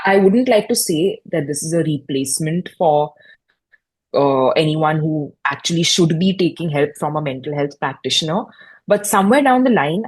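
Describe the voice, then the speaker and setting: Low-voiced woman telling her story. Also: a little mellow, slightly rough. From India. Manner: reflective, personal storytelling with frequent restarts. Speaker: guest, mental health podcast host. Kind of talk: fireside chat.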